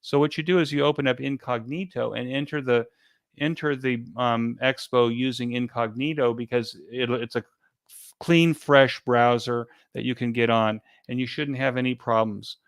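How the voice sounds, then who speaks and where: Interviewed as an event organizer, a man with a mid-range voice and fairly even intonation gives an informal, step-by-step explanation in a halting, repetitive way. There is no echo on the recording.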